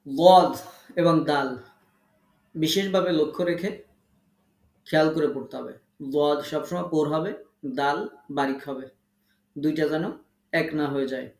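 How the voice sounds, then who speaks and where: A man gives an online Quran recitation lesson in a slightly high voice with a gravelly edge. He explains each pronunciation rule slowly and instructively, repeating key points for emphasis. The room around him sounds echoey.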